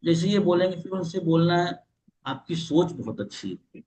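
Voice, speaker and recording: On a video call, a man with a high-sitting, darkish voice and moderate pace leads live sales training. He walks through how to ring old leads, demonstrating with role-play where he takes both sides and asks questions repeatedly.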